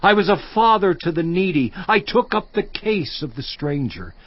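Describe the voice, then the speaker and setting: A man's voice: sits high, very animated, dry recording. A man voicing Job, grave and lamenting. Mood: wistful. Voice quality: slow, solemn declamation. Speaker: dramatized Bible character. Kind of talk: dramatized scripture reading. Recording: dull lo-fi with music underscore.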